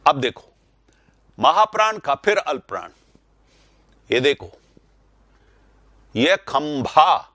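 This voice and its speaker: Slow, lively Hindi teacher man. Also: a little high, dry recording. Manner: explains slowly, repeats words to stress correct sounds; addresses students directly, correcting their answers. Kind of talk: online class on spelling and pronunciation.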